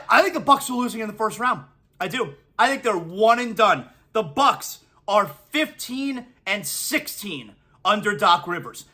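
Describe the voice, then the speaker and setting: Riffing on the games with excitable energy, a high-pitched man in his forties runs his sports podcast alone and slips in sponsor spots along the way.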